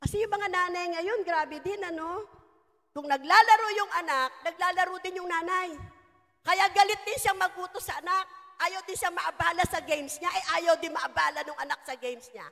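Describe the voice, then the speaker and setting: Woman pastor, middle-aged, high voice, lively preacher working the room, long church-hall reverb. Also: moderate pace. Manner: lively preaching, mixing Tagalog and English, calling out to the congregation. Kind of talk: sermon.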